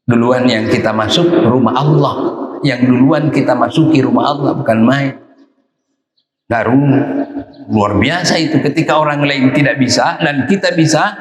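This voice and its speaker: In a mosque at dawn, a middle-pitched man with an Indonesian accent preaches a sermon, emphatic and repeating short phrases to press his points, even acting out the voices of those he quotes. The large, echoey hall carries his voice with a long reverb tail.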